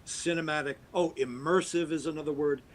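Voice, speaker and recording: A middle-aged man, a guest on a podcast, delivers an opinionated monologue at length, brisk and steady in tone. He speaks emphatically, with wide, swooping pitch swings.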